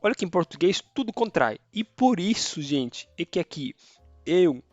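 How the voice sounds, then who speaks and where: With a high, sing-song voice at normal speed, this man, whose first language is Spanish, gives a chatty online Spanish grammar lesson. He checks in with viewers often, saying "tá" and "beleza." The audio is dull and echo-free, with faint music in the background.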